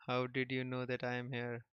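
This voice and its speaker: Guy reading manga out loud, super flat monotone, chuckles a lot, kinda dull dry sound. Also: medium pitch, clear, resonant tone, dry recording. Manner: reads every character in the same plain voice, chuckling often. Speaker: manga reader. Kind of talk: casual read-aloud of a comic.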